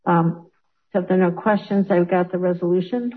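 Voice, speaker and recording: A woman's voice: fairly low pitch, fairly even intonation, a little fast, slightly rough. A woman legislator presenting a resolution at a public meeting, speaking hesitantly with many fillers, over a remote call. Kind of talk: formal meeting remarks. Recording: tinny phone-like audio.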